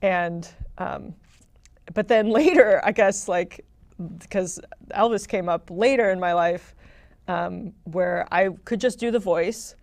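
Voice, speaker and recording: A woman's voice: medium pitch, slow pace, a little mellow, no echo. Rambling young woman, dry close sound. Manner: rambling, lots of "like", frequent laughter. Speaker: guest, [name] impersonator. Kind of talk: casual podcast interview chat.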